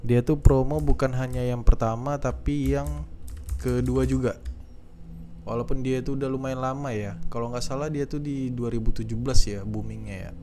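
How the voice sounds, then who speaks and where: A young man narrates his game in an unhurried, easygoing way, pausing often and filling gaps while he figures out the controls. His tone is mellow and dark, and a faint hiss of noise sits under the recording. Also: medium pitch. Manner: relaxed, chatty, thinking aloud with many fillers. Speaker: gaming YouTuber. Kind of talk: casual let's-play commentary.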